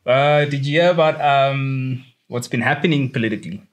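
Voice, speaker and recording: Young South African guy co-hosting a chat podcast; easygoing and rambling, quick to laugh, calls his friend dude. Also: mid-range voice. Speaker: podcast co-host. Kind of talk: casual chat.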